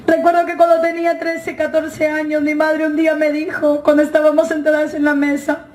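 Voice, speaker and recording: A woman with a very high voice tells her story as an emotional church testimony, speaking to the congregation and calling them "brother" again and again. Her pitch moves little. The sound is roomy and echoey, with a faint hiss of noise behind her. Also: monotone, fairly quick, a little mellow. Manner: keeps addressing listeners as "hermano". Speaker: church member giving a testimony.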